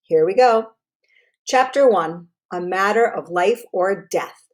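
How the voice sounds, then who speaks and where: A woman with a mid-range voice narrates a children's book as a storyteller. Her reading is expressive and deliberate, phrased clearly for young listeners.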